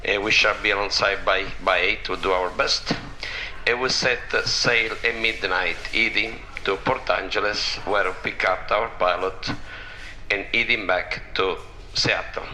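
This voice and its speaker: A man, the ship's captain, giving a formal announcement over the ship's intercom loudspeaker, steadily reading out figures with small hesitations. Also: fairly low pitch, steady tone, measured pace, slight background noise. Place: ship's bridge, heard in a cruise ship's public area. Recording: echoey loudspeaker announcement heard through the room.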